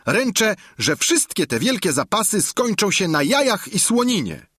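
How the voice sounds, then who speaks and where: A man doing Sancho, a pushy high-voiced squire. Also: big pitch swings, moderate pace, a bit bright, slightly rough, no room sound, studio quality, exaggerated voice. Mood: demanding. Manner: pushy, demanding, impatient. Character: blunt hungry peasant squire, middle-aged man.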